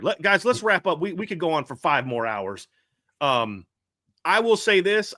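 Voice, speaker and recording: Guy hosting a live football show, bright voice, dry sound, rambles and restarts a lot. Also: on the high side, no room sound. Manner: animated, rambling, frequent restarts. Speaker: podcast host. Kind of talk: casual live sports talk.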